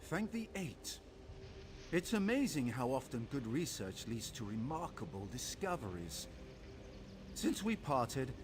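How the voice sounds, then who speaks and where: A man's voice: fairly high pitch, noisy background. A man voicing an eager, erudite scholar of ancient ruins in a video game, wordy and theatrical in his delivery. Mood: pleased, explanatory. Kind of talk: scripted video game character dialogue.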